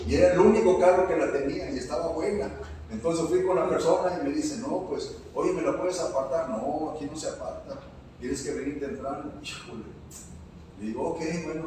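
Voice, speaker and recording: A Mexican pastor with a fairly high, darkish voice preaches a sermon in a church hall, sharing a personal story and calling the congregation brothers. He's recorded from far off with echo and slight background noise.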